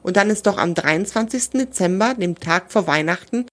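A woman reading the part of a cheerful, friendly young girl in a children's story, making suggestions brightly. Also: mid-range voice, lively intonation, normal speed, close to an everyday voice.

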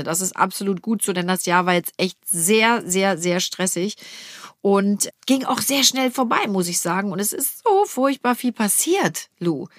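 A woman's voice: fairly low pitch, no room sound. A middle-aged woman hosting a family podcast in a studio, chatty, teasing and insistent. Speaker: podcast host. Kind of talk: casual family podcast chat. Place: recording studio. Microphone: studio mic.

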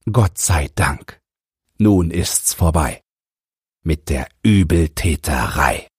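A man reading rhyming verse aloud for an audiobook podcast, in a measured, rhythmic way. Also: very deep voice, lively intonation, slightly rough, dry recording, studio quality.

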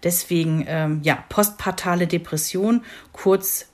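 A young woman co-hosting a podcast in a relaxed, chatty way. She laughs easily and pokes fun at herself as she talks. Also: lowish voice, measured pace. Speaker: podcast co-host. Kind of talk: casual podcast chat.

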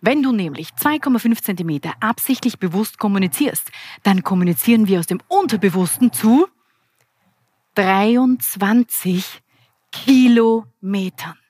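An Austrian woman in her forties giving an energetic, interactive keynote talk as a business trainer, speaking straight to a live audience. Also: medium pitch, a little fast, breathy edge, dry recording, studio quality. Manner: lively, energetic, addresses the audience directly. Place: event hall with live audience.

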